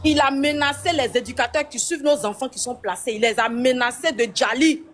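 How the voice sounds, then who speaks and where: A woman's voice: sits high, brisk, a little hiss or hum. A woman in an emotional live stream rant, agitated, talking over others and repeating herself.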